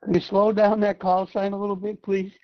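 A man from Massachusetts running a directed amateur radio net as net control, calling stations in a measured, formal on-air manner and spelling call signs phonetically. He is heard over fading shortwave radio. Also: high voice, flat delivery. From Massachusetts, USA. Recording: dull lo-fi radio sound.

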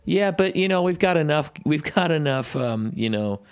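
A man's voice: on the high side, expressive, moderate pace, no echo. A man co-hosting a casual music podcast, telling rambling stories and laughing easily. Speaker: podcast co-host.

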